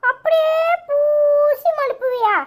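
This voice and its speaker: A tiny, squeaky little child, chattering and teasing in a Tirunelveli Tamil accent. The voice sits far above ordinary speech in this cartoon. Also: female voice, fairly even intonation, slow pace. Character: small excitable child.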